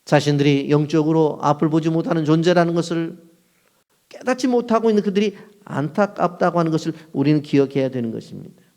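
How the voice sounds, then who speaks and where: Korean pastor preaching, rhetorical questions. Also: male voice, a little high, fast, a little mellow. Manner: asks the congregation rhetorical questions and answers them; acts out quoted lines in short bursts. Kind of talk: sermon.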